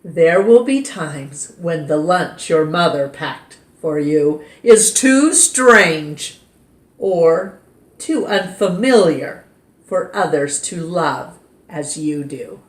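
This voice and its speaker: A woman reading a picture book aloud at storytime in a gentle, expressive way. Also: sits low, takes it slowly. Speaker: storytime reader. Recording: roomy echo.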